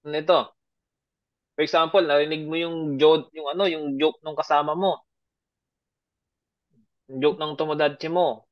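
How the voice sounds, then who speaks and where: A man's voice: on the high side, steady tone, moderate pace, pauses often. A man teaching an online grammar lesson. He explains patiently, keeps checking that his students understand, and mixes English and example sentences into his talk. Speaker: Japanese language teacher. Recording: dull lo-fi audio.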